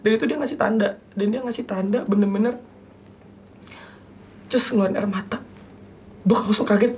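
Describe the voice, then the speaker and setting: A young man, a talk show guest, telling a personal story in a halting, earnest way and acting out remembered dialogue. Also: sits high, fairly even intonation, a little mellow, slight background noise.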